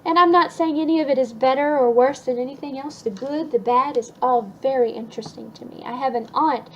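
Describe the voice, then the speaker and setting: A woman's voice: sits high, fairly quick, dull audio. Young woman rambling cheerfully about stuff she loves, lots of ums, slight hiss in the back. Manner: chatty, upbeat, frequent ums and restarts. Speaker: vlogger. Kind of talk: casual list vlog.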